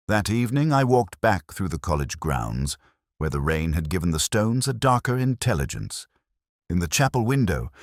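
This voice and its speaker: With a low voice and clean studio sound free of any room echo, a man voices a melancholy, literary police detective. He narrates a case in a scripted audio mystery, measured, solemn and reflective in tone.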